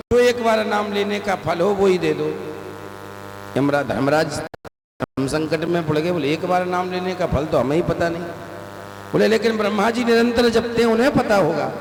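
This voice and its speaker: A man's voice: high voice, creaky, a little hiss or hum. A man preaching a devotional katha sermon, telling a story and acting out the dialogue of its figures. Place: large outdoor katha venue with loudspeakers. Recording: echoey live hall sound with music.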